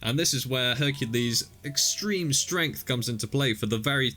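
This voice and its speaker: A man's voice: medium pitch, normal speed, pushed and bright, faint music behind. A man co-hosting a casual film review chat, wryly recapping the plot and laughing often. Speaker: podcast co-host.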